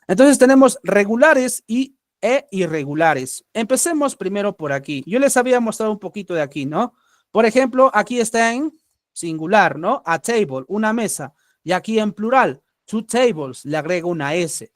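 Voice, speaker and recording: A man from Peru teaching an English grammar lesson, patient, checking in often with "¿sí?" and repeating example words slowly. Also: high-pitched, expressive, no echo, clean studio sound.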